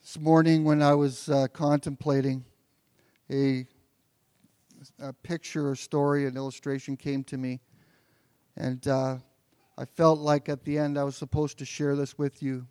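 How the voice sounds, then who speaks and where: A man's voice: mid-range voice, little pitch movement, a little slow, pauses often, dark tone, clean tone, no echo. Earnest man preaching a sermon. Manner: earnest, repeats words as he builds a point. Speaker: pastor.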